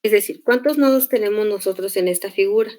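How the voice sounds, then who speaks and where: A woman's voice: medium pitch, dark tone. A woman teacher giving a lecture, explaining step by step and checking in with her students. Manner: slow, patient explaining with check-in questions. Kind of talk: online class lecture on electric circuits.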